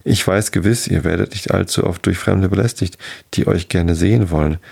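A man's voice: low-pitched, fairly quick, creaky, a little mellow, breathy edge, full character voice. A man voicing a hapless, tipsy countryman in a folk tale, fawning and flowery in his politeness.

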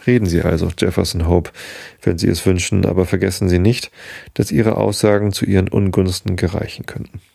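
Stiff formal police inspector, flat officious tone, low gravelly voice, as a man reads him. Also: fairly quick, no room sound, clean studio sound, heavily acted. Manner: mechanical, formal. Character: pale, expressionless male police inspector.

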